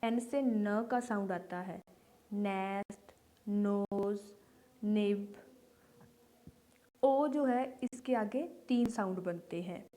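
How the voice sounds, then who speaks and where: A woman's voice: mid-range voice, very slow, long pauses, mellow. A woman teaching English letter sounds, speaking patiently and repeating each example word. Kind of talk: slow phonics lesson for beginners.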